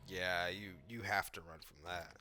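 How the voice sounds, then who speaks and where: In a deep, steady, sharp-toned voice, a man talks unhurriedly through a video game, reacting to cutscenes and gameplay as a content creator, with a little hiss or hum in the recording. The commentary is casual and improvised, spoken informally and full of "like."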